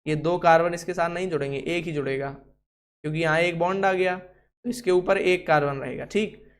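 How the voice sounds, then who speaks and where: Man, chemistry teacher, classroom lesson, slightly raised pitch, asks and answers his own questions, directs the writing on the board. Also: steady tone, normal speed. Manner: instructs someone writing on the board.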